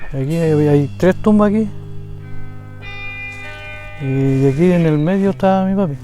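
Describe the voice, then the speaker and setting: A man's voice: fairly high pitch, measured pace, warm tone, faint music behind. A man giving plain documentary testimony outdoors at a cemetery, pointing things out as he explains. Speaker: interviewee.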